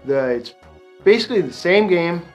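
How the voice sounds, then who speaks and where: A man's voice: high-pitched, animated, normal speed, faint music behind. A man co-hosting a board game review, giving short opinions in a casual chat. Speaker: co-host reviewer.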